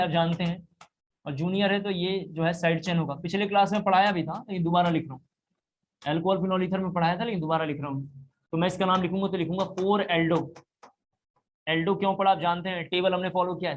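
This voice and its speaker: A man's voice: sits high, slight background noise. A man teaching a chemistry class, explaining step by step and repeating key points. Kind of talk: classroom lecture.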